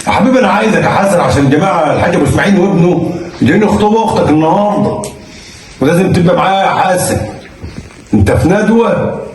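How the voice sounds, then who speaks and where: A man with an Egyptian accent acting a comedy sketch, loud, exasperated and cursing. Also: high-pitched, animated, racing, slight background noise. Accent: Egyptian Arabic. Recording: echoey room, far from the mic.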